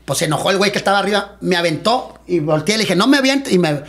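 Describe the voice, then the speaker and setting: Rapid-fire man. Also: sits high. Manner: rapid, animated storytelling with sound effects and acted-out quotes. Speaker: guest, retired wrestler. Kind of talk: casual storytelling interview.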